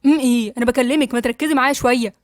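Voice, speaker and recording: A woman's voice: fairly high pitch, racing, dry recording, clean studio sound, lightly acted. A woman with an Egyptian accent voicing a puzzled, anxious young husband who keeps pressing with questions. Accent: Egyptian Arabic. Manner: insistent questioning.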